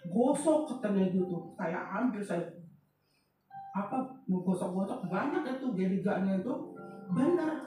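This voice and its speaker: A woman's voice: mid-range voice, a little mellow. A woman pastor giving a chatty, conversational sermon, often asking the congregation questions and telling a personal story with laughter. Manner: tells a personal story with laughter and quoted dialogue. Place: church. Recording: echoey church hall, voice from a distance, music faintly behind.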